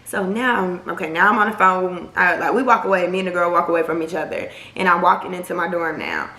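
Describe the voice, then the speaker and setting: A young woman vlogger telling a story in a casual, animated, slangy way. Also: lowish voice, fast. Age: young adult. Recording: roomy echo.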